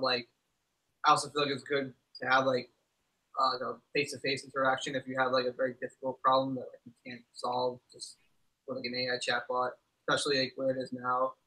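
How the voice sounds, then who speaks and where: A man's voice: mid-range voice, monotone, a little fast, sharp tone, rough recording. A man on a student help desk, answering easygoing with frequent "like". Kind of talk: casual discussion.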